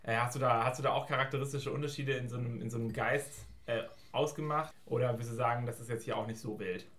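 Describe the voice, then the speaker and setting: A man's voice: medium pitch, steady tone, fast, fairly bright tone. A man hosting an interview, asking long, stacked questions in a casual tone. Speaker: host.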